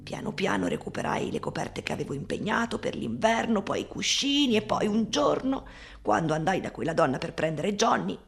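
A woman's voice: mid-range voice, sing-song, fairly quick, gravelly, soft background music, pitched above the performer's own voice. A woman voicing a poor old woman who is recalling hard times, in a plain, sorrowful audiobook reading. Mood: weary, sorrowful.

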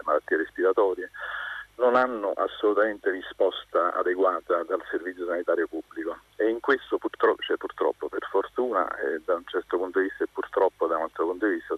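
A man's voice: low-pitched, slightly rough, dry recording. A man calling into a radio talk show over the telephone, a family doctor who sets out his points one by one in an earnest, methodical way. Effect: heard over a telephone line. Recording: tinny dry phone line.

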